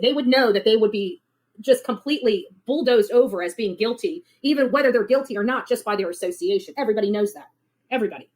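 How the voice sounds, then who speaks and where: A woman with a high voice gives casual, opinionated online commentary on a missing-person case. She is blunt and indignant, repeating words for emphasis. The audio quality is poor.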